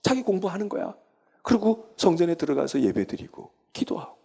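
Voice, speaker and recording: Animated gravelly-voiced man preaching. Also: high voice, a little fast. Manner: lively, acts out prayers and children's pleas. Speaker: pastor. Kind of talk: Bible lecture sermon.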